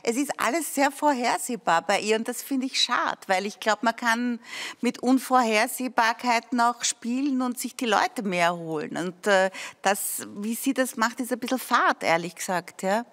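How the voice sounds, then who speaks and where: A woman's voice: on the high side, normal speed, fairly bright tone, long reverb tail. A woman with an Austrian accent, giving a colloquial, opinionated critique as a panelist in a TV discussion.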